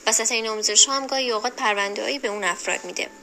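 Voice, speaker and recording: A woman's voice: fairly high pitch, sharp tone, a little hiss or hum. An actress voicing a chatty, outspoken teenage schoolgirl who explains things and cuts into the talk. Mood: explaining.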